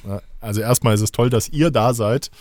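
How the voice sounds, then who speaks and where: A man's voice: mid-range voice, a little fast, a little mellow, dry recording. A man co-hosting a podcast, telling rambling, joking stories in casual banter. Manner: joking storyteller, playful and rambling. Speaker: podcast co-host.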